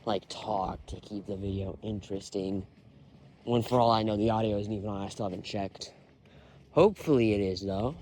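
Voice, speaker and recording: Strolling alone outdoors on a quiet road, a young vlogger rambles with lots of fillers and frequent sighs, his phone recording from his pocket. His voice is fairly low and a little mellow, with slight background noise.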